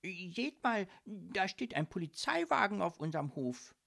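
A woman's voice: fairly low pitch, unhurried, vocal fry, voice pushed up, full character voice. A woman voicing a feisty female sheep who speaks energetically in a storybook reading. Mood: lively indignant. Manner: energetic, indignant. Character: female sheep, cheeky and hot-tempered.

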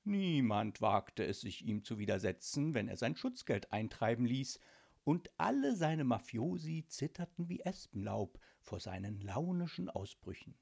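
Slow, lively male storybook narrator. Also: mid-range voice, creaky, breathy edge. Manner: slow, theatrical.

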